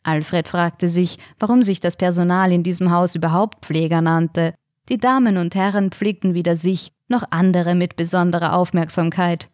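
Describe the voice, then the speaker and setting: A woman reading a story aloud in a measured, calm storytelling manner. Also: fairly low pitch, no echo, studio quality. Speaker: narrator. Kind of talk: audiobook narration.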